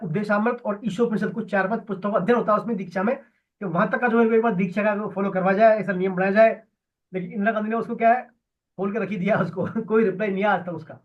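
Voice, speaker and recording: A man leads a devotional scripture class, explaining each point and repeating key words for emphasis. His voice sits high. The audio is dull and lo-fi. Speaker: Gita teacher. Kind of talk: devotional lesson.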